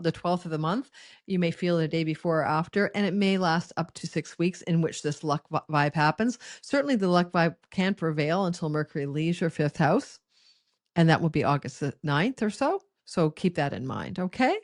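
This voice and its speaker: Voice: mid-range voice, lively intonation, moderate pace, dry recording. Rambling astrologer, dry close sound. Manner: rambling, conversational, frequent restarts and "you know" asides. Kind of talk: astrology forecast monologue.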